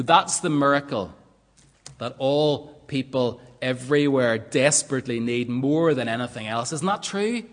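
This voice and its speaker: A man preaching a sermon in an earnest, emphatic way, often asking rhetorical questions. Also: mid-range voice. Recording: long reverb of a large hall.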